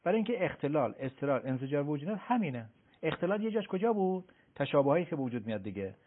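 A man's voice: on the high side, sing-song. A man giving study advice on a radio show, lecturing emphatically and speaking directly to listeners. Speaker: education advisor. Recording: tinny phone-like sound.

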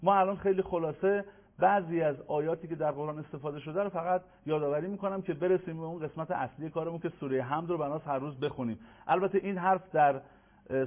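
Man, formal pronunciation lesson, chants verses slowly, somewhat high-pitched, tinny broadcast audio. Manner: patient, formal, addresses viewers politely; slows to chant Arabic verses. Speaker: Quran recitation teacher. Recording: tinny phone-like broadcast sound.

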